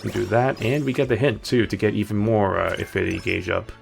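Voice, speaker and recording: A man's voice: fairly low pitch, quick pace, creaky. A man streaming a video game, chatting casually and rambling through his choices with playful asides. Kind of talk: casual gameplay commentary. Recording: background game music.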